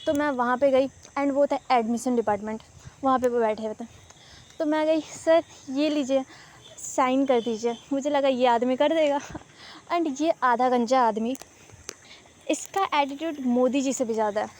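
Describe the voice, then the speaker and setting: High-voiced sarcastic young woman ranting. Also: normal speed, a little mellow. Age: young adult. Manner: sarcastic, ranting, mixes English words. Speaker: vlogger. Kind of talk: storytime vlog.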